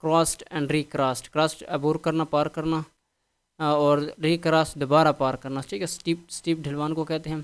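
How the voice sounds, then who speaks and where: A man's voice: a little high, flat delivery, smooth. A man teaching English vocabulary, going through a word list patiently and repeating a set phrase after each meaning.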